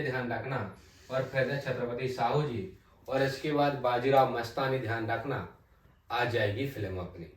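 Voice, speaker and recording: A male teacher giving an exam-prep history lesson, repeating key names and asking the class quick check questions. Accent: Hindi. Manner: repeats key names, tag "ध्यान रखना" often drops low and soft. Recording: echoey room, mic at a distance.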